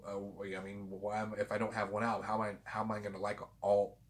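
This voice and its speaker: A vinyl collector in his forties hosts a casual, rambling home vlog from a small room with framed pictures and a guitar, recorded on a desk camera. After a couple of drinks he talks loosely and swears freely, his low-ish voice monotone and quick.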